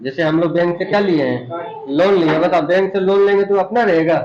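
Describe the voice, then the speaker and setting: A man's voice: high-pitched, fairly quick, crowd noise. Man teaching accounts in an echoey room. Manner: explains terms and quizzes students with repeated questions. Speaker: commerce teacher. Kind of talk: classroom lesson. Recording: dull echoey room recording.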